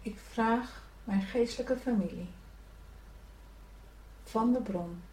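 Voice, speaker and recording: A woman leading a guided spiritual meditation, giving gentle, soothing instructions to breathe and relax. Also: fairly high pitch, takes it slowly, slight background noise. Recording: echoey room, from a distance.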